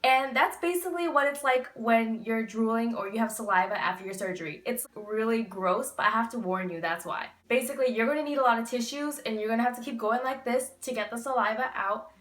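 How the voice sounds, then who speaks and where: A woman's voice: a little high, quick pace, few pauses, fairly bright tone. A woman in her twenties chatting casually to camera, explaining things with candid, emphatic asides. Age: 20s. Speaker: vlogger giving recovery advice. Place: small bedroom, indoors. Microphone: camera a few feet away. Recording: echoey room, distant microphone.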